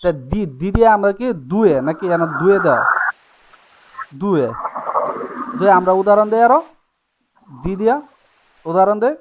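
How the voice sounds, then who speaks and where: Man teaching a class in a slightly high voice. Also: expressive, dull audio, a little hiss or hum. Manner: explains slowly with many checks like "ঠিক আছে?" and "নাকি?". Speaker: Italian language teacher. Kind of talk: live online class taught in Bengali.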